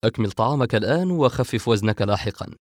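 A man voicing a gentle, wistful eldest brother and father in an audiobook. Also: mid-range voice, animated, fast, dry recording, clean studio sound, natural voice. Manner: wistful, soft-spoken. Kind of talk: audiobook character voice.

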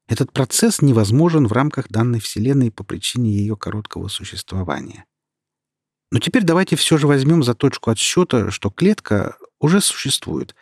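A man reads a sharp, proud young woman in an audiobook, explaining her ideas earnestly and at length. The voice has a husky grain, and the sound is dry and close. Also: medium pitch, no room sound. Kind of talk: audiobook character reading.

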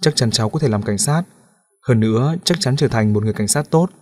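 A male audiobook narrator voicing a calm, kind police captain who speaks gently and in a measured way. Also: mid-range voice, natural voice. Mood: gentle.

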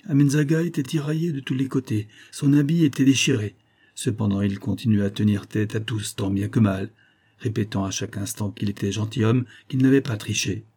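Male narrator, mellow husky tone, steady novel reading. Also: on the low side, fairly quick. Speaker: audiobook narrator. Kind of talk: scripted narration.

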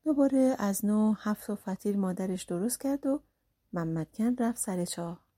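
A woman narrates a folk tale audiobook with lively, dramatic emphasis. Her voice is mellow and warm with a husky, slightly breathy edge. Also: mid-range voice.

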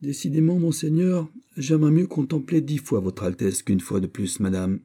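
A male reader voicing an earnest young courtier, measured and respectful, in an audiobook. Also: fairly high pitch, mellow, pitched above the performer's own voice. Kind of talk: audiobook character reading.

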